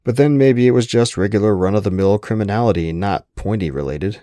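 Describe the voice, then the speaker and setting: A man's voice: fairly low pitch, brisk, warm tone, dry recording. A man reading a first-person story aloud with a dry, wry storytelling manner on a close microphone. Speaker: narrator. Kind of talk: first-person audiobook narration.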